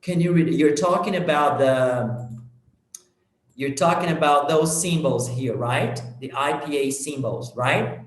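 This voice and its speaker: A male English teacher giving an online conversation lesson, patiently correcting and modeling pronunciation slowly. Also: fairly high pitch. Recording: echoey room.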